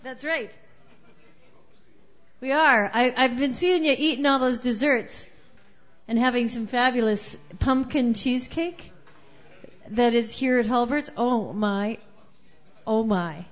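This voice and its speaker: A woman's voice: on the high side, slow, pauses often. A woman chatting and joking with the crowd between songs at an open mic night, speaking into a stage microphone. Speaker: open mic singer-songwriter. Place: small live music venue. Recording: muffled live venue recording with music.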